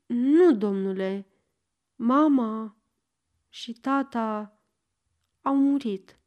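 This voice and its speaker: A woman's voice: on the high side, lively intonation, dull audio, close to an everyday voice. A woman voicing a bashful unmarried woman of about thirty who answers in short, hesitant replies. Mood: shy, hesitant.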